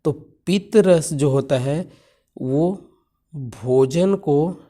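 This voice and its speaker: Male teacher, slow and mellow, walks through exam answers, quizzes himself and repeats the key terms. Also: on the high side. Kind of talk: exam-paper lesson.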